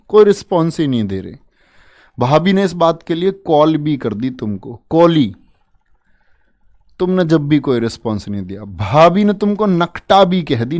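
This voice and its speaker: Pitched somewhat high and a little mellow, this male teacher keeps his exam-prep class loose and playful. He nudges students forward with joking mnemonics, chatting away and addressing them as "bhai."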